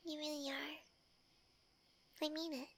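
Soft-whispering shy woman, high and slow. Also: level tone. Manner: shy, gentle and affectionate, giggly. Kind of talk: ASMR romance roleplay.

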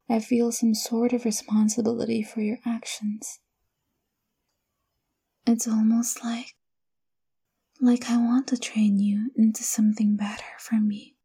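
A young woman breathes her words in a husky, slow whisper, soft and close. Her tone is intimate and coaxing, with a mellow, dark color and little rise or fall. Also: on the high side. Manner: intimate, coaxing girlfriend address. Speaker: ASMR roleplay performer. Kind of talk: whispered ASMR roleplay.

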